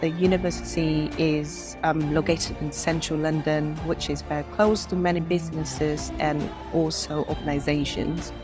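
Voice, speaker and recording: A woman's voice: low voice, level tone, normal speed, hardly any pauses. A female student giving a promotional testimonial in a slightly hesitant way. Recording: music bed behind voice.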